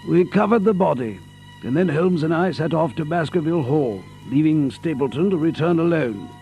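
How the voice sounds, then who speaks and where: An earnest gentleman doctor and loyal companion in an audio drama. His voice is on the high side, proper and sincere, with music behind it. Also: lively intonation, normal speed. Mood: sombre narration. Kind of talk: audio drama acting and narration.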